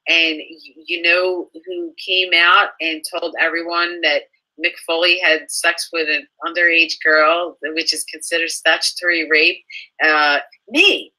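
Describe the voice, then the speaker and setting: A woman's voice: lowish voice, fairly even intonation, bright, forceful tone, poor audio. A young woman reading out online comments and answering them in an indignant, sarcastic, profane rant, stumbling and restarting as she talks. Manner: halting with frequent restarts. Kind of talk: casual ranting commentary.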